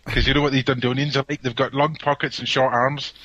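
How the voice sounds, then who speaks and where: A man's voice: medium pitch, level tone, fast talker, fairly bright tone, dry recording. A man with a broad Scottish accent chatting casually as an interview guest, jokey and often restarting his phrases, on a muffled remote call. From Scotland. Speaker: podcast guest, template company representative. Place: remote audio-only call. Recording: dull, muffled lo-fi call audio.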